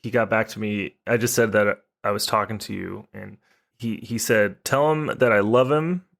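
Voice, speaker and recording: A man with a low voice hosts a casual interview. He is relaxed and lets his questions wind on at length. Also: moderate pace, creaky. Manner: relaxed, asks long winding questions. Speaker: podcast host.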